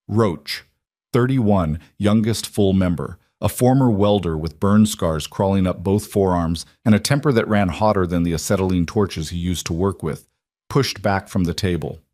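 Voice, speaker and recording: Deep voiced guy reading a dramatic story, slow and grave, dry tight sound. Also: darkish tone, no echo. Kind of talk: scripted dramatic narration.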